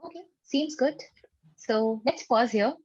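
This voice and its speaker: Patient woman interviewer with a husky voice. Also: a little high, unhurried, a little mellow, no room sound. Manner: reassuring, patient, tentative phrasing. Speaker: technical interviewer. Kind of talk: formal but conversational mock interview. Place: online video call with screen sharing. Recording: dull lo-fi online call, dry.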